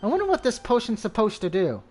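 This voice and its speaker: A man's voice: high-pitched, wildly swooping pitch, fast talker, darkish tone, exaggerated voice. Man voicing a blunt curious young rogue. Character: curious rough-mannered young woman rogue.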